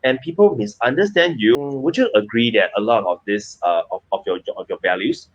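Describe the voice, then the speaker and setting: A man's voice: lowish voice, animated, a little fast. A man hosting a casual interview, asking curious questions and giving short replies. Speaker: host. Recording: dull lo-fi recording.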